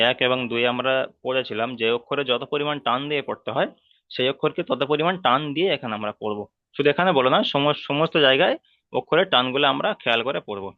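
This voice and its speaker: A man teaching letter sounds in an online class, patient and repeating each rule slowly. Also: medium pitch, dry recording, phone-quality sound. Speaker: Quran reading teacher.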